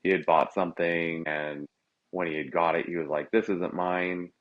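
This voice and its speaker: Young male co-host, very low voice, earnest storyteller, muffled lo-fi recording. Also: level tone, normal speed. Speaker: podcast co-host. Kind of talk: casual chat. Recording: dull lo-fi sound.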